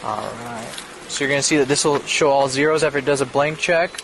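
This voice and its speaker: A male police officer talks quickly and plainly, walking someone through roadside procedure in a matter-of-fact way. It is body cam audio, with vehicle and street noise clearly audible behind him. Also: mid-range voice. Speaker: police officer making a drunk-driving arrest. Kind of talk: procedural spoken instructions at a roadside stop. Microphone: body-worn camera microphone. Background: vehicle and ambient noise.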